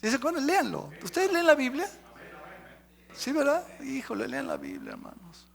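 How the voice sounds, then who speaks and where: A man's voice: very high voice, wildly swooping pitch, normal speed, gravelly, big-room sound. A male pastor preaching emphatically, running through lists and questioning the congregation. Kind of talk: sermon. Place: church sanctuary.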